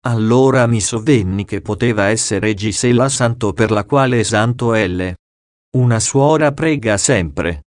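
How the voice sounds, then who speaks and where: A man reading a diary aloud as an audiobook, slow, measured and solemn. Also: fairly low pitch, no echo, studio quality. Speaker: audiobook reader.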